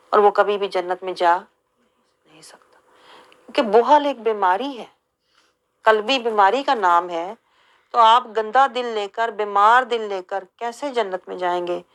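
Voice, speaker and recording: Casting woman religious teacher, Pakistani Urdu accent, earnest lecturing, a touch high-pitched. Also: a bit bright. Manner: earnest, acts out quoted complaints.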